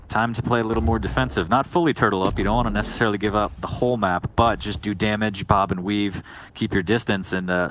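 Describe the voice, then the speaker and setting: Male esports caster, noisy game background. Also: fairly low pitch. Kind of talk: esports play-by-play commentary. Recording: noisy game sound behind. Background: video game sound effects.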